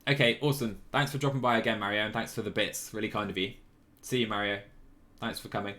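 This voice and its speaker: A live streamer playing a cycling management game talks casually and a little apologetically, thinking out loud over background music. His voice is on the low side, steady and sharp, and he speaks fast.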